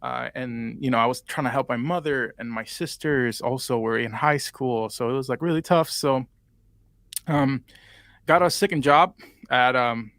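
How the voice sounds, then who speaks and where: At a normal speed, a Puerto Rican man in his twenties with a Spanish accent rambles through his story, fillers and all, during a casual interview. His voice sits in the mid range with a fairly bright tone, and the recording has no room sound.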